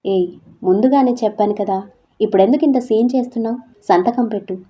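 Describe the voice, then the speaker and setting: A woman's voice: medium pitch, fast, warm tone, close to an everyday voice. A woman voicing a cold, dismissive young husband who speaks curtly and impatiently. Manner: curt, impatient. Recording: slightly dull lo-fi audio.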